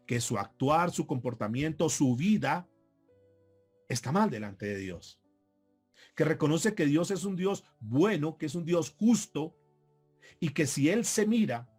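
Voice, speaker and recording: A man's voice: a little high, slightly rough. A man preaching a sermon as pastor, earnestly acting out repentant prayers that rise in intensity.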